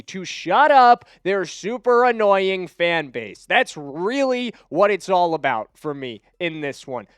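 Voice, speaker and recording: A man's voice: high-pitched, a bit bright, clean tone, no room sound, studio quality. A young man hosting a football news show, talking with enthusiastic, emphatic fan energy. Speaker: sports podcast host.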